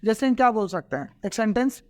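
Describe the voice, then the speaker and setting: A man's voice: sits high, lively intonation, fast talker, a little mellow, no echo. A man teaching a grammar lesson. He repeats each example word by word and often checks whether the class has understood. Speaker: English teacher.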